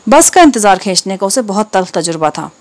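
A woman's voice: medium pitch, sing-song. Woman reading a textbook aloud. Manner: careful, measured reading with plain dictation-like pauses. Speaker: textbook reader.

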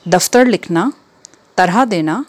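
A woman reading a textbook drama aloud in a measured way, with its stage directions and exercise questions. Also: on the low side. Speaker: teacher reading a textbook lesson.

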